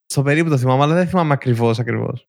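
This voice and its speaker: A young man co-hosting a casual podcast chat, telling stories with animated bursts and rising excitement. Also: vocal fry. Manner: animated storytelling, rising pitch when excited. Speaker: podcast co-host.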